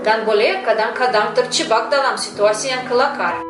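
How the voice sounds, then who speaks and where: A woman's voice: a little high, moderate pace. A middle-aged woman from Moscow, a native Russian speaker with a Russian accent, gives a prepared personal testimonial as a foreigner speaking fluent Indonesian-Malay. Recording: roomy, distant mic, music behind.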